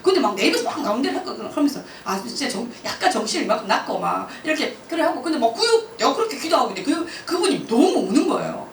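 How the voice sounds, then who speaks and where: A woman missionary telling a personal testimony at church, lively and laughing often as she acts out her own words. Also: a little high, quick pace, gravelly, few pauses. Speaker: missionary speaker. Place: church hall. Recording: roomy church hall, mic from a distance, faint noise.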